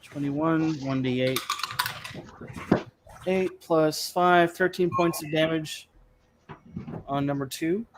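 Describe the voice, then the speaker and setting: A man playing a tabletop game, slowly working out his attack rolls and damage aloud. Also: fairly high pitch, fairly even intonation, background noise. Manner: slow, counts dice totals aloud. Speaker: player. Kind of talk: tabletop game play over voice chat.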